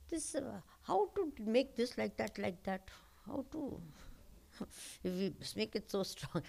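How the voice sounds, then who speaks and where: A woman's voice: low voice, gravelly, a little mellow. A woman with an Indian accent giving a spiritual discourse as a teacher, explaining step by step, repeating points and checking that listeners follow. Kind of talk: spiritual discourse with question and answer.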